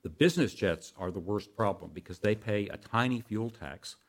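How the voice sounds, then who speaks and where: An older American man with a fairly low voice explains things as an expert interview guest, speaking haltingly and correcting himself as he goes.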